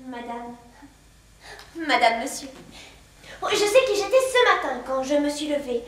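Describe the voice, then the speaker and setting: A woman's voice: sits high, lively intonation, a little slow, fairly bright tone. A woman playing a polite, confused little girl who keeps changing size, speaking formally. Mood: polite puzzled. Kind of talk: stage play acting. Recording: echoey hall, mic far off, faint noise.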